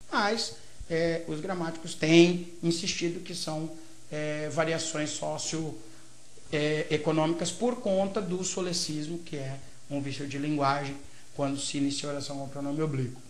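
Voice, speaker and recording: This grammar lecture comes from a Brazilian teacher whose Brazilian Portuguese accent is clear; he explains one step at a time and keeps adding short tag questions to make sure he's followed. His voice sits on the high side, with fairly even intonation and a moderate pace. The recording carries a roomy echo.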